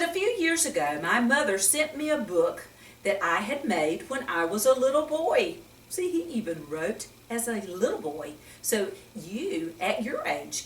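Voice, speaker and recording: An older woman hosts storytime for young children with a Bible lesson, reading stories in an unhurried, very expressive way at medium pitch. Like a gentle teacher, she often asks her small listeners questions, and the echoey sound is picked up by a distant microphone.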